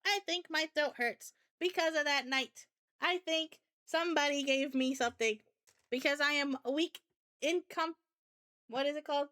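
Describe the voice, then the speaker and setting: A woman with a high, bright voice tells a rambling story in a loose, chatty way. She talks to her stream viewers casually, as if catching up with friends. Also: normal speed. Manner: rambling, chatty anecdote telling. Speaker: VTuber streamer.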